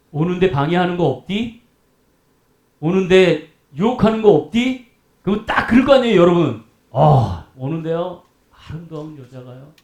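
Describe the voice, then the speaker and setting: Animated high-voiced male pastor preaching. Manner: animated storytelling, acts out quoted voices. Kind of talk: sermon. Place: church hall. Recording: echoey church room.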